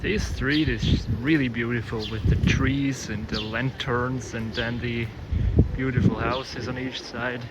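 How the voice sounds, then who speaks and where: A man's voice: mid-range voice, steady tone, measured pace. An Austrian-accented man, a native German speaker, giving casual, observational travel commentary while walking outdoors in a city. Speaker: travel vlogger. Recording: loud street traffic and city noise.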